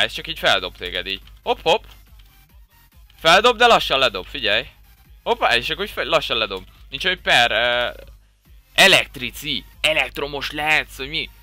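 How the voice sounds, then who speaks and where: A young man giving casual, excitable commentary while playing a game, breaking into loud swearing exclamations. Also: medium pitch, no echo. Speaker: Minecraft server streamer.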